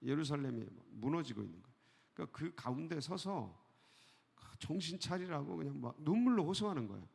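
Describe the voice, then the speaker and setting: A male pastor giving an early-morning sermon in a church, talking conversationally with rhetorical questions and soft chuckles. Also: on the high side, sing-song, brisk, vocal fry, slightly rough. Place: church sanctuary. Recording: long hall reverb.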